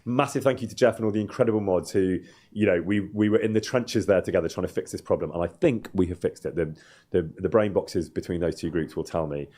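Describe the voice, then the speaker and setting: Talking fast in a low, warm voice, a man streams himself playing a game, keeping up a casual, slightly hesitant chat as host of the livestream.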